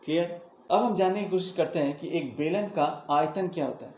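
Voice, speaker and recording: A man's voice: a little high, a little fast, darkish tone. Man teaching math in an echoey room. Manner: explains step by step, asks students questions and answers them himself. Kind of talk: classroom math lesson at a board. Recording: echoey room, dull lo-fi sound, faint hiss.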